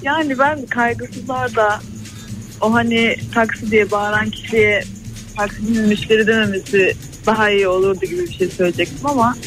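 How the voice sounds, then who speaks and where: A woman phoning in to a radio show, teasing the hosts with quick wit. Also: a little high, steady tone, fairly bright tone, soft background music, rough recording. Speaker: caller.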